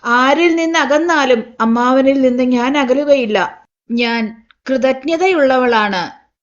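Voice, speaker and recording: A devoted young woman, read by a woman from a storybook, pleading earnestly in a raised, slow voice. The recording is slightly dull and lo-fi. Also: sits high, pitched above the performer's own voice. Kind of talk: audiobook reading.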